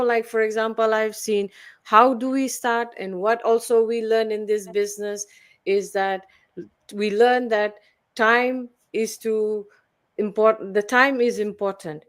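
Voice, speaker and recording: A woman, a guest mentor telling her story earnestly and persuasively, with frequent fillers and restarts. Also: fairly high pitch. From Fiji. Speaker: guest, online business mentor. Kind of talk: promotional personal-story talk.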